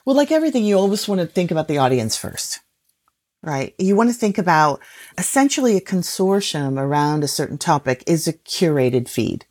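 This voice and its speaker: A female industry expert appears as a podcast guest, speaking in a low register with a very animated, darkish tone. She explains things conversationally and punctuates her points with quick check-in questions.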